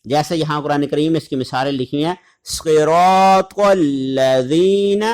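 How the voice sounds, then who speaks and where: A man from Pakistan leads a Quran reading lesson, sounding out each letter and syllable slowly and deliberately. His voice sits a little high for a man. He breaks into short chanted recitations as examples. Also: fairly even intonation, a little mellow.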